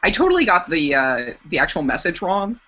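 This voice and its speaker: A woman's voice: fairly low pitch, huge pitch swings, fairly quick, a bit bright, dull audio. A young woman co-hosting a podcast in casual chat, wry and teasing, swearing casually as she tells a story. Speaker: podcast co-host.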